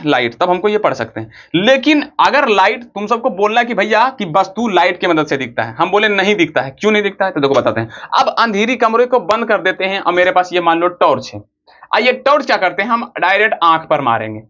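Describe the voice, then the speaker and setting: A man's voice: high-pitched, very animated, a little fast, sharp tone. A man teaching a physics lesson in a rustic, joking way, asking questions and answering them himself. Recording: dull lo-fi recording.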